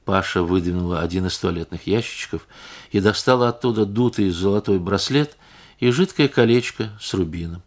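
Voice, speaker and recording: A man narrating a classic Russian story for an audiobook in a measured, even manner. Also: low voice.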